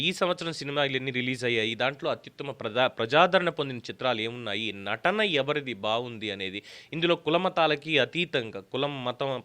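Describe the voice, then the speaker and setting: A man's voice: medium pitch, sharp tone. A man delivering an opinion commentary, arguing emphatically with rhetorical questions. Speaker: political commentator.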